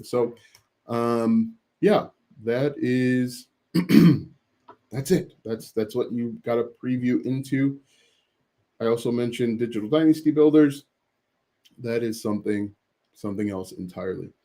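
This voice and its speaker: Mellow-voiced man hosting a live Q&A. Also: mid-range voice. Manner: reads viewer questions aloud, hesitant fillers and restarts. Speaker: host answering live chat questions. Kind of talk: casual livestream Q&A.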